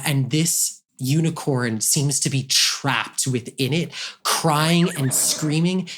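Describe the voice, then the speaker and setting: A man running a tabletop game, improvising vivid narration as game master. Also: on the high side.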